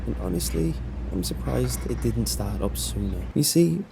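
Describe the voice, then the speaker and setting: A man narrating a scripted first-person story in a measured, serious way. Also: mid-range voice, expressive, vocal fry, background noise.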